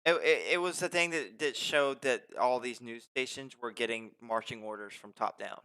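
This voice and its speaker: A man's voice: mid-range voice, normal speed, pushed and bright, clear, resonant tone. A man in casual conversation, giving short agreeing replies and curious follow-up questions. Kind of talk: casual chat.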